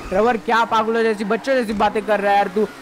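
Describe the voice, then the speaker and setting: Guy doing an anxious young dude, rambly and worried, kinda high. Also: little pitch movement, quick pace, slight background noise, natural voice.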